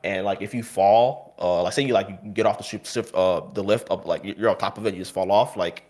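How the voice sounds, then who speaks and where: A man with a fairly low voice chatting as a podcast guest. He rambles, leans on filler words and curses casually. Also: fairly quick, a little mellow. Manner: rambling, heavy on fillers and swearing.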